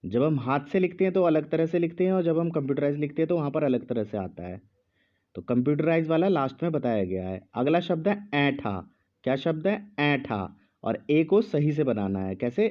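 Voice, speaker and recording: Slow, deliberate male teacher. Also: fairly high pitch, expressive, lo-fi sound. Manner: speaks slowly with pauses, repeats each word. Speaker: Hindi teacher. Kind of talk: slow dictation lesson.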